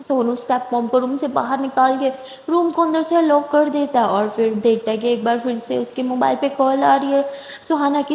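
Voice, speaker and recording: Female storyteller, chatty, high voice, roomy echo. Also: warm tone. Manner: chatty, asides to listeners. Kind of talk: casual spoken story narration. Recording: echoey room with long reverb.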